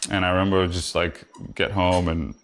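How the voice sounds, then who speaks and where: Low-voiced Puerto Rican man in his forties. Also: moderate pace. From Puerto Rico. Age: 40s. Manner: relaxed, rambling, many fillers like "you know". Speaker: guest, foiler. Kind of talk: casual conversation.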